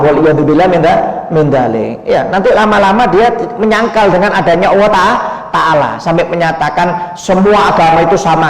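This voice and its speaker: A male Islamic preacher giving a sermon, emphatic and full of rhetorical questions, speaking directly to his listeners. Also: sits high. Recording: echoey hall.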